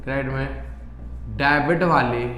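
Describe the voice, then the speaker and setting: A man's voice: mid-range voice, measured pace, fairly bright tone, echoey room, slight background noise. A young male commerce teacher giving an online class lecture, asking questions and answering them himself, calling students "beta". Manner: call-and-response questioning, answers own questions; affectionate Hindi teacher talk, calls students beta.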